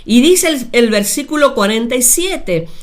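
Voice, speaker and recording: A woman preaching a sermon, speaking deliberately with repeated phrases and addressing her listeners directly. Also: a little high, lively intonation.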